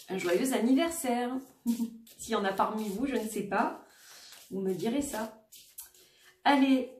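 A woman doing a daily oracle card reading for her viewers, gentle and reassuring, often repeating herself. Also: on the high side, recorded from a distance. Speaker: tarot and oracle card reader. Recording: roomy echo, voice set back from the mic.

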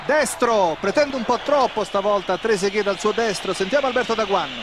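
An Italian man giving live football commentary with excited, urgent goal calls in short breathless bursts. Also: sits high, fairly quick. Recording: noisy old TV broadcast, stadium din. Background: loud stadium noise.

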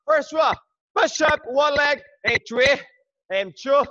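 He's a male group fitness coach, high-pitched and hard-driving, leading a class from a large indoor gym via video call with shouted cues, countdowns, and clipped, repeated gym-bro encouragement. Though the energy is high, his pace is slow, his tone sharp, and the audio dull.

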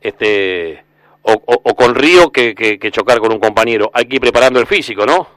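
Rambling Argentine radio host. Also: male voice, medium pitch, lively intonation, normal speed, fairly bright tone, no room sound. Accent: Rioplatense Spanish. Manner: rambling questions with many restarts. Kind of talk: casual radio interview.

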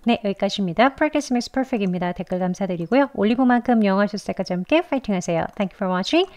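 A woman teaching English pronunciation in a lesson, patiently explaining and slowing down to model words for learners to repeat. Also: mid-range voice, animated, darkish tone.

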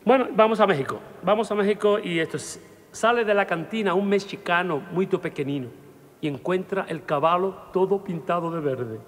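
Male comic, high voice, live joke telling, reverberant hall. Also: moderate pace. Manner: mixes Portuguese into Spanish, laughs at own jokes. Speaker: stand-up comedian telling jokes. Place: live show before an audience.

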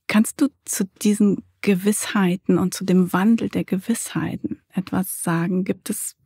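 A woman's voice: mid-range voice, fairly even intonation, moderate pace, warm tone, breathy edge, no room sound. A middle-aged woman hosting a studio podcast interview, asking long reflective questions. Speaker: interviewer, host. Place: small studio. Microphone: desk microphone.

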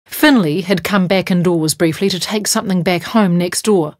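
Measured New Zealand woman reading a story. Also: lowish voice, no echo, studio quality. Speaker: narrator. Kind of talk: storybook narration.

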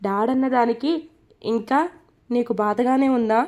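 A woman voicing a short-tempered but tender young husband, speaking low and gently in a read-aloud story. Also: a little slow, lo-fi sound, lightly acted. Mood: gentle, concerned.

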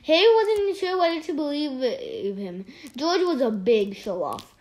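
A woman's voice: high-pitched, animated, darkish tone. A woman reading a children's story aloud, often stumbling and restarting words. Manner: halting, with frequent restarts.

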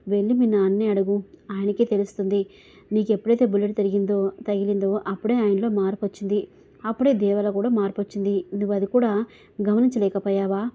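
A secretive, scheming young man who deflects blame in a hurried way, put on by a woman narrator. The voice barely rises or falls. The recording is dull and lo-fi. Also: medium pitch, level tone, lightly acted.

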